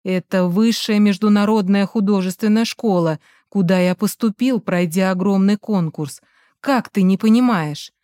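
A woman voicing an arrogant, cold young man who speaks with slow, drawn-out contempt. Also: mid-range voice, dark tone, dry recording, clean studio sound, close to an everyday voice. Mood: drawling.

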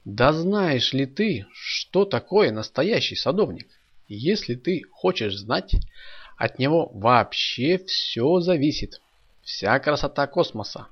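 A proud old man with a beard holds forth with indignant emphasis, as a male reader puts him on. His voice is husky and swings widely in pitch. The audiobook recording sounds dull and lo-fi.

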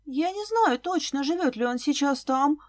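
A woman's voice: sits high, animated, normal speed, a little mellow, no room sound. A woman voicing a timid widow who speaks in a faltering, guilty murmur.

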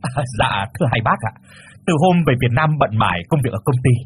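A man voicing a wealthy young man who talks glibly and boastfully, fast and eager. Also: medium pitch, animated, slight background noise, close to an everyday voice. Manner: glib, rapid, boastful. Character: smooth-talking wealthy young man, showing off.

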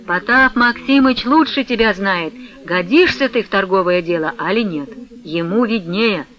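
A man's voice: high-pitched, moderate pace, dull audio, natural voice. Man voicing a coaxing village headman. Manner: earnest, coaxing. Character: persuasive village headman, soothing older man.

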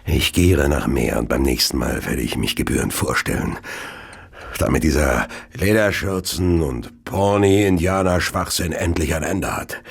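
A man playing a gloating, well-to-do Victorian serial killer in a radio play, speaking in a slow, savouring, theatrical way with a gravelly, husky voice. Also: rumbling low, animated, exaggerated voice. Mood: gloating, exultant. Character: gloating, arsenic-addicted Victorian serial killer, wealthy gentleman. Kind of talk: German radio play monologue and narration.

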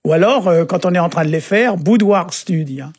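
Husky man explaining words, halting. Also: sits high, dry recording, studio quality. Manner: halting, often adds "hein" and "euh". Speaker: Breton language expert on a radio show. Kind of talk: relaxed explanatory radio chat.

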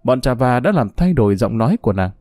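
Male audiobook narrator, warm, expressive, dry close read. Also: mid-range voice, fast talker, dry recording, faint music behind.

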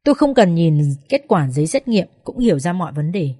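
A woman's voice: on the low side, big pitch swings, brisk, mellow, slightly rough, no room sound, studio quality. A woman narrating a first-person family drama in a tense, emotional reading. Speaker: audiobook narrator.

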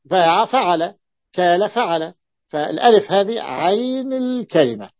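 A male sheikh with a somewhat high voice leads a grammar lesson. He goes over each rule twice and lingers on the example words. The recording is dull, lo-fi and dry. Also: lively intonation, a little slow, dry recording. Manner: repeats points, stretches example words, asks students to notice. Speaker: sheikh teaching Arabic morphology. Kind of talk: classroom lesson.

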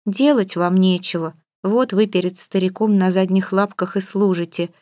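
A woman's voice: mid-range voice, fairly even intonation, moderate pace, a little mellow, no echo, clean studio sound, lightly acted. A woman reading an audiobook, voicing a capricious young bride who is sulky, tearful and sarcastic. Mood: defiant. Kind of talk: audiobook character voice.

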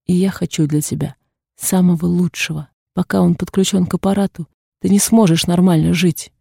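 A woman's voice: fairly low pitch, fairly even intonation, normal speed, creaky, mellow, husky, no room sound, studio quality. A woman voicing a stern, weary old patriarch. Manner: weary, commanding. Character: stern, tired older male clan father.

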